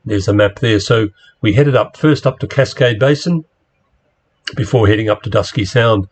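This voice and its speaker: A man giving a rambling, relaxed slide-show talk to a club, with plenty of fillers as he steps through his pictures. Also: on the low side, normal speed. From Australia. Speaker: club presenter.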